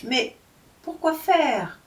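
A woman's voice: high voice, animated, extremely slow, pitched above the performer's own voice, heavily acted. A woman reading aloud, voicing a giggly naive young girl who asks blunt, innocent questions. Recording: roomy, from a distance.

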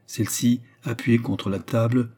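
A man reading a novel aloud in a slow, measured narration. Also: medium pitch, fairly even intonation, dark tone. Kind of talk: audiobook narration.

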